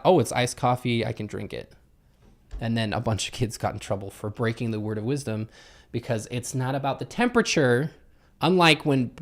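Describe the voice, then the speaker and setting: A man co-hosting a casual podcast, telling a rambling story and swearing casually. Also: mid-range voice. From Utah. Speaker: podcast co-host. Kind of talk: casual chat.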